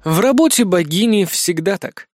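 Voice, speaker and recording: A man narrating an audiobook in a lively, expressive way. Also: sits high, normal speed, faint music behind. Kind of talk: scripted narration.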